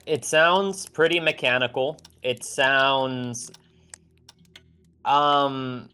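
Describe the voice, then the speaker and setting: A man playing a co-op puzzle game, talking hesitantly with lots of pauses and restarts. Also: medium pitch, fairly even intonation, sharp tone, clear, resonant tone. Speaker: co-op partner. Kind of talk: casual co-op game chat.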